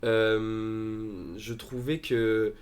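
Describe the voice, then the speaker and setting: A man's voice: lowish voice, level tone, extremely slow. A man chatting as a football pundit on a live stream, hesitant with many fillers and restarts. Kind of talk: casual live-stream discussion.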